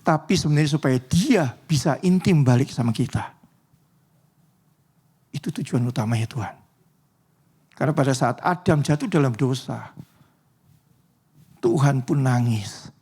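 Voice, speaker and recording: A man's voice: on the high side, darkish tone, husky. A man preaching a casual sermon in church, joking with the congregation and often asking them to agree, sometimes dropping to a near whisper for dramatic moments. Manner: chatty, joking, often asks the congregation "betul ya?".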